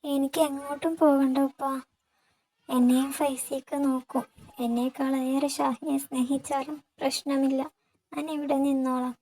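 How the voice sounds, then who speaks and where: Woman doing a gentle young wife, sobbing, pleading, high-pitched, even tone. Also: moderate pace. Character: young wife, gentle, patient, grief-stricken.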